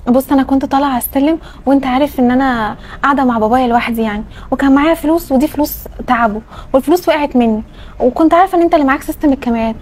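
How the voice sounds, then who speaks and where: A woman's voice: high voice, rapid-fire, darkish tone, slight background noise, natural voice. A woman playing a worried Egyptian neighbor. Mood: worried, polite. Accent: Egyptian Arabic. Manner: polite and pleading. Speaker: neighbor asking a favor. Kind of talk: Egyptian web drama acting.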